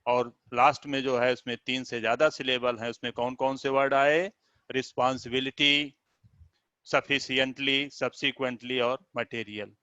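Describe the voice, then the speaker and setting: A man teaches children in an unhurried, deliberate way, saying each word more than once and spelling it letter by letter. His voice is bright and the room sounds dry. The recording is dull and lo-fi. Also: medium pitch, flat delivery, smooth, no echo. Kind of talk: classroom video lesson.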